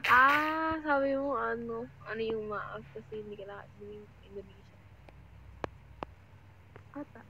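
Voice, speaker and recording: A woman's voice: a little high, steady tone, a little slow, pauses often. A woman, chatting playfully while playing a game, giggling and switching between Tagalog and English. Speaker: game player. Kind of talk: casual chat while gaming. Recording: noisy background.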